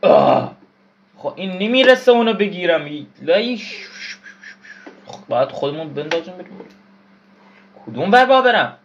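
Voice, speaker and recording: A man's voice: sits high, very animated, long pauses, highs cut off, a little hiss or hum. A man giving casual gameplay commentary, frustrated, swearing and yelping at the game. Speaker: gaming YouTuber.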